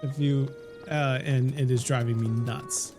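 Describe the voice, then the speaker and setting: A man's voice: medium pitch, fairly even intonation, measured pace, music in the background. A man casually chatting with his chat while streaming a game, laughing often and trailing off into restarts.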